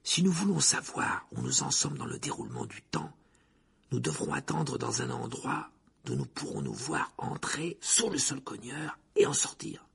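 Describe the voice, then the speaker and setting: A tense teenage boy whispers with urgency, as a man voices him. The sound is breathy and husky, held low. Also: huge pitch swings, normal speed, a bit bright, exaggerated voice. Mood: urgent.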